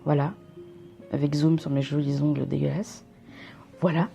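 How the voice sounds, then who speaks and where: A woman's voice: deep voice, steady tone, moderate pace, gravelly, dark tone, soft background music. A young woman vlogging an unboxing at home into a camera mic, chatty and rambling with self-mocking asides. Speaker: vlogger unboxing a subscription box. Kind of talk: casual unboxing chat.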